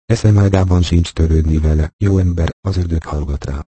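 A man's voice: deep voice, steady tone, warm tone, breathy edge, no echo. A man voicing a cruel, mocking nobleman who speaks in a sneering, scornful way.

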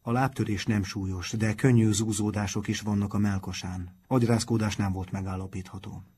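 A man reading aloud, voicing a calm, kindly teacher who gently reassures worried boys. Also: fairly low pitch, husky. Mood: reassuring. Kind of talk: audiobook narration.

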